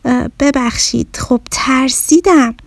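A woman's voice: sits high, no echo, voice pushed up. A woman voicing a lazy, timid little bear cub who whines and gives up easily, in a storybook reading. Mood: startled. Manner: sulky and easily startled.

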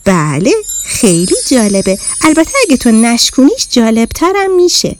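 A woman's voice: fairly high pitch, sing-song, faint music behind. A woman voicing a sassy, teasing talking reflection in a magic mirror that mocks and lectures, in a storybook reading. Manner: cheeky, mocking and lecturing.

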